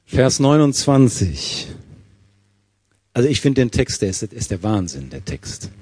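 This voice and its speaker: Ein Mann, der lebhaft predigt, einen Bibeltext Vers für Vers auslegt und der Gemeinde Fragen stellt. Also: male voice, mid-range voice, a little slow, slightly rough, no room sound. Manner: lively preaching, verse by verse, with questions to the congregation. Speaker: preacher. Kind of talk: sermon.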